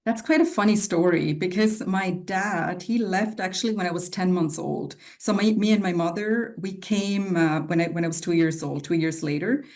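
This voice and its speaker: A woman raised in Switzerland talks through her thoughts in a reflective, unhurried way. Her voice sits a little low, and she pauses often with fillers. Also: darkish tone. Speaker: guest, non-profit CEO. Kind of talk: casual interview talk.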